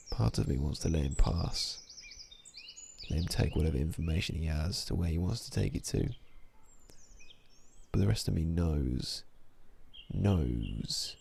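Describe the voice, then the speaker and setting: In an ASMR audio drama, a man plays a weary, cynical sniper who hunts vampires, delivering his lines in a brooding, low-key, deliberate way. His voice is creaky and darkish, heavily acted, with a slight hiss or hum in the audio.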